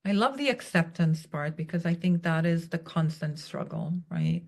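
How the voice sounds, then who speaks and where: A woman's voice: on the low side, lively intonation, moderate pace, darkish tone. A woman guest on a podcast, giving advice in a reassuring way and often checking in with "right?". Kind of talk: casual advice-giving chat.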